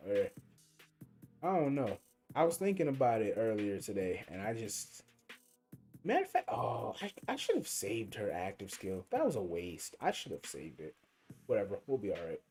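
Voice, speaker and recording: Over faint game music, a gaming streamer chats casually while playing a mobile game on a livestream. His lowish, mellow voice swings hugely in pitch at a moderate pace, and he rambles in slang, thinking out loud.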